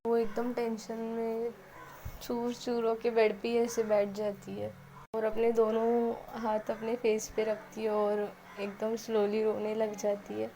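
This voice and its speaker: Young woman storyteller, high and even. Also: unhurried, slight background noise, low-quality recording. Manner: casual Hindi mixed with English words, voices each character's lines. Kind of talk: narrated love story with acted dialogue.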